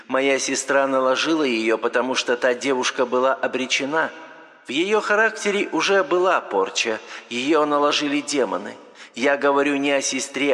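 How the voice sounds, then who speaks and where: Brief: male reader doing a measured, confiding goddess in a long-reverb hall. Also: medium pitch, fairly bright tone, pitched above the performer's own voice, natural voice. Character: scheming goddess, calm and warning.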